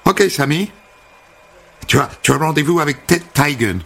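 A woman's voice: low-pitched, normal speed, gravelly, a bit bright, slightly rough, pitched above the performer's own voice, full character voice. A man voicing a bubbly, chatty American woman hairdresser with squealing exclamations. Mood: eager.

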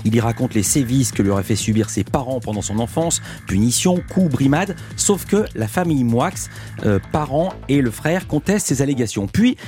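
A man hosting a radio media show from the studio, brisk and lightly self-mocking as he introduces guests. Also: medium pitch, darkish tone. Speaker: radio host.

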